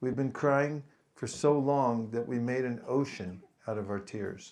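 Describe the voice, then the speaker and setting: A man giving a spiritual talk to a gathering, speaking slowly and deliberately and pausing for his translator. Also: mid-range voice, darkish tone. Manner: slow, deliberate, leads group chanting. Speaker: visiting speaker.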